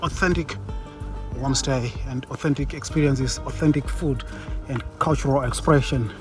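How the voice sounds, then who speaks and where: A man's voice: mid-range voice, normal speed, music in the background. A man with a South African accent talking casually as the host of a travel vlog.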